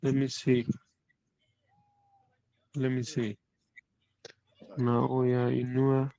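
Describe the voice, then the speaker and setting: A man's voice: mid-range voice, monotone, very slow, creaky, mellow. A man from the Netherlands, a guest caller on a casual podcast, talking in a friendly, patient way as he lists boxing stats. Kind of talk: casual call-in chat. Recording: dry, dull lo-fi call audio.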